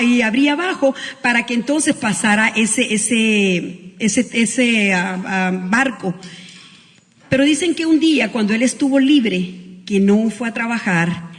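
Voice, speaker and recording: A woman pastor preaching a Christmas sermon, telling a story with emotion and frequent restarts. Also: a little high. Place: school hall used as church. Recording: long hall reverb.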